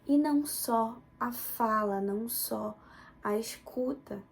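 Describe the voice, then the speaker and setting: Her voice is on the high side and gravelly, and she takes things slowly, with slight background noise behind her. She's a young woman from Belém in northern Brazil, presenting a personal account for school in the region's Portuguese accent.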